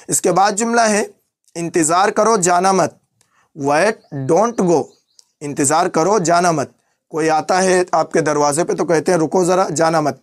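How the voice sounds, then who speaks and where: A man teaching phrases in a language lesson, repeating each one slowly word by word. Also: on the high side. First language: Urdu. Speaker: Arabic teacher.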